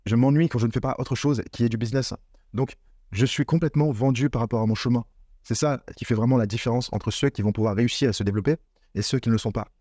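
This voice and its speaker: A man's voice: mid-range voice, fast, dark tone, no room sound, studio quality. A man giving a motivational talk on business mindset straight to the viewer, earnest and repetitive. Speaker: online business coach. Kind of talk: direct-to-camera motivational talk.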